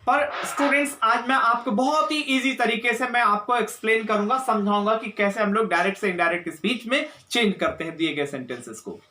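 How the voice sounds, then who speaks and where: A man teaching grammar rules, slowly and repetitively, dictating as he writes. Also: high-pitched, sharp tone. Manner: slow, repetitive, dictates while writing on a board. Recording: echoey room, mic far from speaker.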